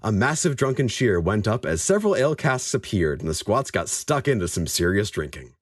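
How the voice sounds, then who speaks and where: A man co-hosting a casual podcast, joking and swearing easily. His pitch rises and falls a lot as he talks. The sound is close and dry. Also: fairly quick, no room sound. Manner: animated, jokey, swears casually. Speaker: podcast co-host and story reader. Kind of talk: casual podcast chat and dramatic reading.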